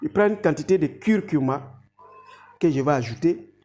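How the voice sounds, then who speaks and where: A woman's voice: deep voice, expressive, normal speed, mellow. A woman giving an instructive health talk and demonstration, addressing viewers directly as an educator.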